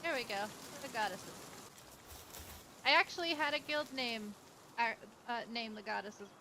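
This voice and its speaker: A woman chatting casually while streaming a game, chatty and quick to laugh and joke. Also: a little high. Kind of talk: casual gameplay chat. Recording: audible background noise.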